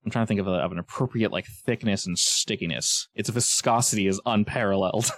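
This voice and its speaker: Low-voiced man narrating as game master. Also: a bit bright, no echo. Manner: casual, descriptive, pauses to search for words. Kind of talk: improvised narration of a tabletop game.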